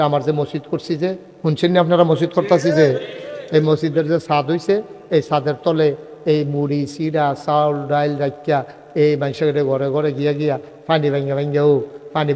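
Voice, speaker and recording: A man's voice: fairly high pitch, darkish tone. Rousing preacher man, long reverb. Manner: rousing, prompts the crowd to call back responses; conversational, storytelling with dialogue. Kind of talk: humorous Islamic sermon at a religious gathering.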